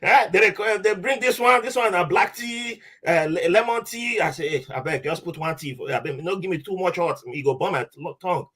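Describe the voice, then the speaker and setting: A husky, high-pitched male voice moves briskly with few pauses. He's a Nigerian-accented podcast guest casually telling a story, animated as he slips into Pidgin and acts out the voices he quotes.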